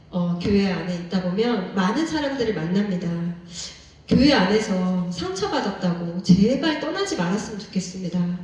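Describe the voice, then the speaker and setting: A woman preaches a sermon to her congregation, putting question after question to them in an earnest, pleading way. She stands well back from the microphone, and the church around her is very echoey. Her voice sits at a middle pitch. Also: a little mellow, recorded from a distance. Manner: asks the congregation many questions. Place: church sanctuary.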